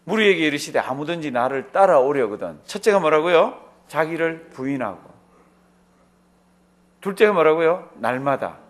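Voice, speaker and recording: A man preaching at an early-morning prayer service, his fairly high voice swinging widely up and down as he presses each point. He keeps asking the congregation questions and then answers them himself, in an earnest, emphatic way. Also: expressive, moderate pace. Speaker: pastor.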